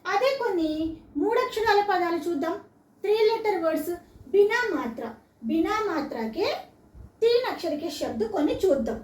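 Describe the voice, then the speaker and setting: A woman's voice: very high voice, expressive, moderate pace, a little mellow. A woman teaching a lesson to children, patiently spelling words out syllable by syllable and asking the listener questions. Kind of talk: classroom-style lesson for children. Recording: roomy echo, mic set far off.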